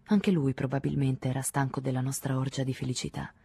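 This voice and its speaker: A woman narrating a literary novel in the first person, measured and intimate. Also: extremely low pitch, level tone, creaky, mellow, slightly rough, dry recording. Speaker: audiobook narrator.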